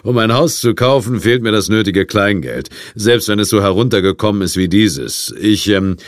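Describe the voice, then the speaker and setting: A jittery, stammering scruffy drifter, as a male audiobook narrator puts him on, his voice pushed up higher and louder than the narrator's own. He hesitates constantly and fumbles his words, and the recording is close and dry. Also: normal speed, no room sound, natural voice. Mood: nervous. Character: nervous scruffy middle-aged man, hesitant drifter. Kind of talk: audiobook character voice.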